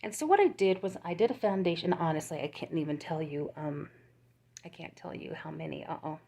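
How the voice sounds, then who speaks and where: An older woman who makes crochet YouTube videos chats casually while showing off her work, rambling, restarting and laughing. Her low voice is gravelly and warm, and she talks a little fast.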